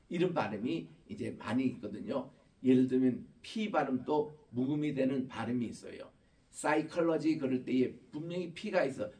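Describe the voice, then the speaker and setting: A man's voice: mid-range voice, mellow. Male pastor, conversational sermon, asks questions, distant mic. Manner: conversational, explaining with questions and quoted children. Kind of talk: Christmas sermon.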